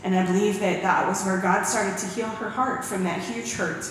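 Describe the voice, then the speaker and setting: A woman's voice: mid-range voice, fairly even intonation, normal speed, slight background noise. A woman giving a testimony talk in church, telling stories and quoting scripture. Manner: warm storytelling with scripture quotes. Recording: echoey hall recorded from far off.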